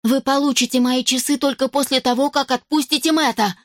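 A woman's voice: high voice, steady tone, brisk, dry recording, studio quality, voice pushed up, close to an everyday voice. A woman voicing a stubborn teenage girl heroine who pleads and insists, in an audiobook. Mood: pleading.

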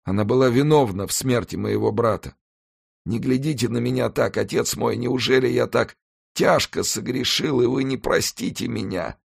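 A man's voice: mid-range voice, normal speed, vocal fry, breathy edge, voice pushed up. A man voicing a dying, terrified male executioner who begs for absolution in an anguished, pleading way.

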